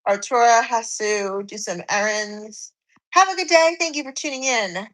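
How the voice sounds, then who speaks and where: Woman in her 40s, a little out of breath, high-pitched and chatty, answering viewers mid-workout. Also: normal speed, fairly bright tone, rough recording. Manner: chatty, reads comments aloud and answers. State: slightly out of breath while doing cardio. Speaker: fitness streamer. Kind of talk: live stream chat reading comments.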